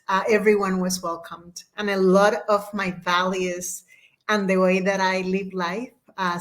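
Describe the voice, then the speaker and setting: A woman from Rico, a guest in an interview, speaking warmly and reflectively with many fillers. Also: mid-range voice. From Puerto Rico. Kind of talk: interview conversation.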